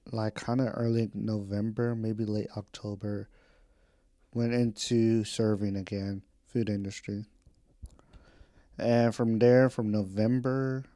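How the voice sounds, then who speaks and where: This vlogger, a man in his twenties, rambles candidly at home in a casual catch-up podcast, drifting topic to topic with slang and an occasional swear. His voice is on the low side and mellow. Studio quality, no room sound.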